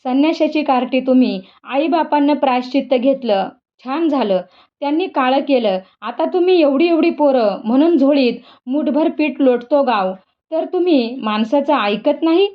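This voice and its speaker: A proud old Brahmin scholar scolds indignantly, his voice set a little lower than the reader's own, as a woman reads him. The storybook reading is captured on a dull, lo-fi recording. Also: moderate pace, natural voice. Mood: angry. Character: angry proud elderly male Brahmin scholar.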